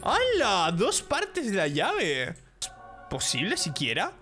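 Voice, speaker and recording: A man's voice: sits high, huge pitch swings, takes it slowly, over music. A man giving playful, theatrical gameplay commentary and talking to the characters in the game. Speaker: gaming YouTuber.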